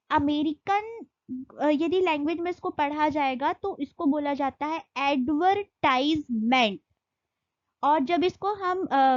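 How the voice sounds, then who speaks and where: High-voiced Indian woman teaching from notes. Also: no echo, dull audio. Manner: reads English notes slowly, then explains in Hindi with fillers. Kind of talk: exam-prep lecture, explaining notes.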